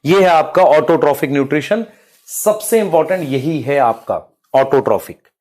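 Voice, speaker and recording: A man's voice: fairly high pitch, animated, moderate pace, darkish tone. A male biology teacher, explaining at the board and quizzing students with rhetorical questions. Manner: addresses students as beta and bhai.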